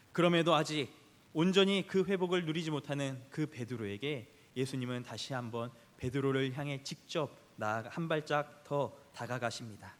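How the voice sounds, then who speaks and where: A man preaching an earnest, measured sermon in a church sanctuary. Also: medium pitch. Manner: earnest, measured, reading scripture aloud with the congregation. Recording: long church reverb.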